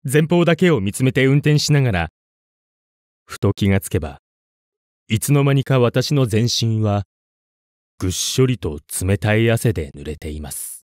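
A man reads a scripted ghost story in a low voice. His intonation moves widely, building suspense with deliberate pauses. The recording is close and dry. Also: animated, a little mellow, no echo. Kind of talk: scripted horror story narration.

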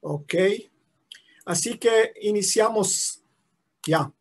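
A slow-paced man in his seventies from Israel lectures over a video call with slides, his pitch sitting a little high for a man. He speaks unhurriedly and often stalls on long "eh" fillers, restarting his phrases as he goes. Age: 70s. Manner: halting, many drawn-out "eh" fillers and restarts. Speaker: guest lecturer. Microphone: video call mic.

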